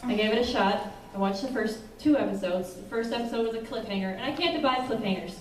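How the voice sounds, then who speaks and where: Young woman from Wisconsin, self-mocking and laughing, higher voice, echoey room, crowd noise behind. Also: fast. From Wisconsin, USA. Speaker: fan meetup member sharing her story. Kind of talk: casual spoken testimony to a group. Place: indoor meeting room with a group. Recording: echoey room, distant mic, noisy crowd.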